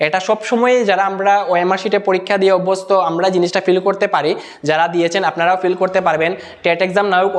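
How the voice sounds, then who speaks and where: A man with a high-pitched voice goes through a teacher-exam paper answer by answer. He reads each English question out slowly, word by word, then explains the answer in Bengali peppered with English terms.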